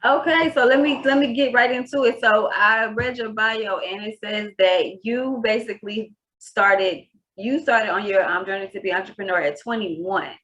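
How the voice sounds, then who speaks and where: A Texan podcast host interviews a guest in a casual, rambling way, laughing easily. Her mid-range voice has a fairly bright tone and a moderate pace, though the audio sounds dull.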